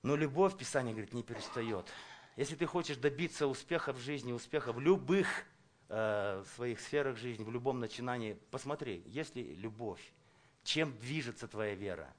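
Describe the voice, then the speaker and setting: A man's voice: medium pitch, lively intonation, normal speed. A man preaching a sermon. He talks conversationally, asks the congregation questions, and builds intensity by repeating phrases. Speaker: pastor.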